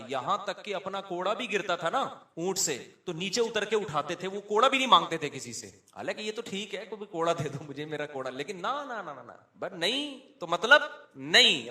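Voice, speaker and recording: A man with a Pakistani Urdu accent preaching a sermon, swinging between loud emphasis and quiet asides and acting out the people he quotes. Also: fairly high pitch, roomy sound. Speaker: Islamic preacher.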